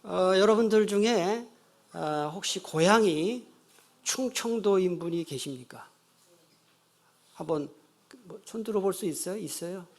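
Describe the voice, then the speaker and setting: A man, the pastor, giving a sermon and telling a funny story while asking the congregation questions. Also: high voice. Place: church sanctuary.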